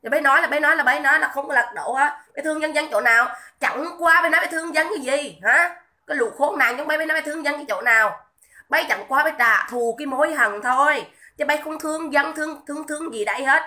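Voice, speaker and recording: A woman commentating on a livestream launches into repetitive, indignant tirades, stopping in between to welcome viewers. She speaks quickly in a high voice with a sharp tone.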